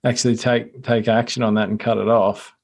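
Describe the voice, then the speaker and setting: A man's voice: medium pitch, level tone, fairly quick, creaky. A man hosting a podcast, reading promos and interviewing a guest in an upbeat, conversational way. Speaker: podcast host. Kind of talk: casual interview and scripted promo read.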